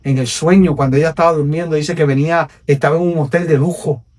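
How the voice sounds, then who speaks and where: Earnest Puerto Rican evangelist, fairly high voice. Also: male voice, steady tone, fast, recorded from a distance. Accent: Puerto Rican Spanish. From Puerto Rico. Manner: earnest, preacherly, swings between hushed and emphatic. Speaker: evangelist, podcast guest. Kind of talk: personal testimony storytelling.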